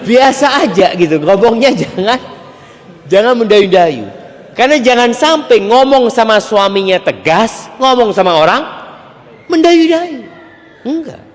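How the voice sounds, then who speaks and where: A man's voice: high-pitched, animated, moderate pace, long reverb tail. A male preacher giving a religious lecture and answering audience questions, in a conversational way with joking asides.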